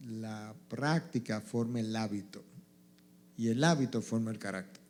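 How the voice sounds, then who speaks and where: A man's voice: on the low side, moderate pace, a little mellow, slight background noise. A male pastor answering questions at a church event, stressing his points by repeating them. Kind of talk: church Q&A teaching.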